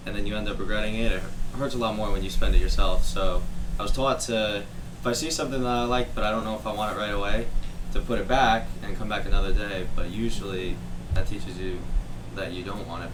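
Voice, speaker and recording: A man's voice: on the low side, distant mic, noisy background. A nineteen-year-old man from Florida, a talkative guest chatting casually in an interview. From Florida, USA.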